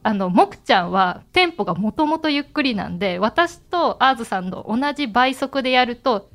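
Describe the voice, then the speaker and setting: A woman's voice: fairly high pitch, animated, a little fast, a bit bright. A woman hosting a podcast in casual chat, chatty and laughing often. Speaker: podcast host.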